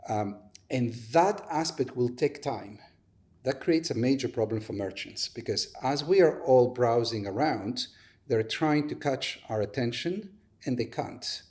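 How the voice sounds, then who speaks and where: A man's voice: mid-range voice, measured pace, a little mellow. A man who co-founded a startup, a guest on a podcast, laying out his business model step by step with everyday examples. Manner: methodical, builds points with everyday examples. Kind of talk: explaining a business model in an interview.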